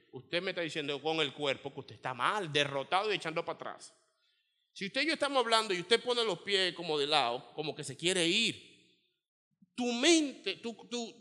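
A man delivers a sermon. His voice sits high and rings very bright. The sound carries a long hall reverb. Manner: animated, acts out quoted voices. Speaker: pastor.

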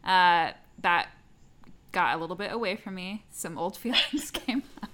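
A woman's voice: fairly low pitch, unhurried, sharp tone. A woman freelance screenwriter in casual conversation, frank and wryly self-deprecating. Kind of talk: casual chat.

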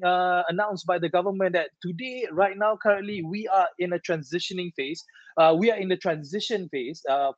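A man with a Malaysian accent and a distinctly high voice hosts a casual chat show. His delivery is playful and animated, full of colloquial turns. The sound is dry and slightly dull, with lo-fi muffling. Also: dry recording. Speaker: talk show host. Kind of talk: bilingual casual chat to viewers.

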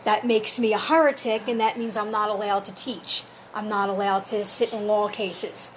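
A woman's voice: mid-range voice, fairly even intonation, moderate pace, a little hiss or hum, rough recording. A woman talking informally as a storyteller, explaining folklore and history step by step in a conversational way.

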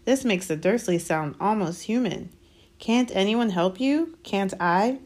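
A woman voicing an earnest, anxious boy wizard of about twelve in a storybook, speaking in a hurried, halting way. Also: medium pitch, expressive, darkish tone, voice pushed up. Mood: shocked sympathy. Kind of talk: dramatised storybook reading.

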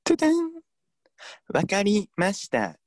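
A woman's voice: mid-range voice, wildly swooping pitch, measured pace, a little mellow, no room sound. A woman doing a glitching smart-speaker voice. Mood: robotic. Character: glitching female smart-speaker assistant, misunderstands requests. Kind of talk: comic radio skit.

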